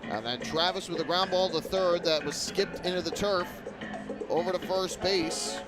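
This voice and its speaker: A male baseball broadcaster gives live play-by-play in a slightly high voice. His phrasing is clipped and descriptive, with music clearly audible behind him. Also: normal speed, rough recording. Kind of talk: live sports commentary.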